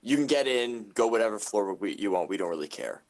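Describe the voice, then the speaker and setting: A man's voice: on the low side, expressive, brisk, a little mellow. A young man playing a tabletop game, talking through his plans with hesitant restarts. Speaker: player. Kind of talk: casual chat at a tabletop game.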